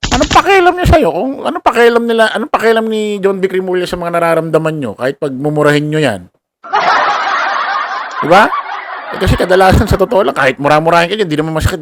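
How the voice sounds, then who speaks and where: A man talks casually to his viewers in a somewhat high voice. He laughs as he mocks and keeps throwing out rhetorical questions. Faint noise hums underneath. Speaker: commentary vlogger. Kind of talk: casual political commentary.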